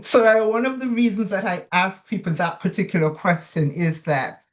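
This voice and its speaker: A woman's voice: medium pitch, animated, normal speed. A woman hosting a nursing interview podcast, welcoming her guest in a chatty, affirming way. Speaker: podcast host.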